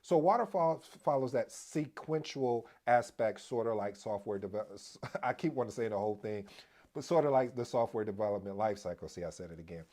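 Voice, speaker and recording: A man hosting a casual explainer video on project management, addressing viewers as family, energetic and prone to restarts. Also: fairly low pitch, fairly quick. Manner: restarts and repeats himself as he talks. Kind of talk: casual explainer talk to camera.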